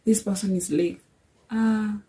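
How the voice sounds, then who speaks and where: Young woman, warm mellow voice, earnest, personal faith talk, storytelling, frequent restarts. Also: medium pitch, steady tone, a little slow, poor audio. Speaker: faith vlogger. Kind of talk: personal reflection.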